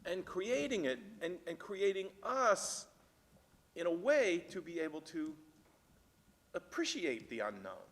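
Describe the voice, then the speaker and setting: A man leading a church Bible discussion, thinking aloud with halting restarts and growing animated when he reads the text aloud. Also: high voice. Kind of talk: casual discussion. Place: church meeting room. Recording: church room with long reverb.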